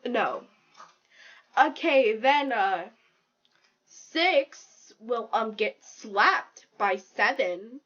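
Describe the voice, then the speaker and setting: A woman talks through her drawing in a slow, unhurried way, making up a silly story as she goes and breaking into giggles. Her voice sits a little high and comes through a muffled, lo-fi recording. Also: lively intonation, a bit bright. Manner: rambling, giggly, improvising a silly story aloud. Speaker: drawing video creator. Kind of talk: casual narration while drawing.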